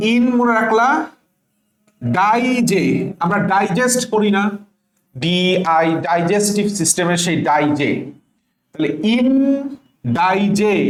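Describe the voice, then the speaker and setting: High-voiced Bangladeshi teacher, echoey room. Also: male voice. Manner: spells words out slowly letter by letter. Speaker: English teacher. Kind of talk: exam prep lesson.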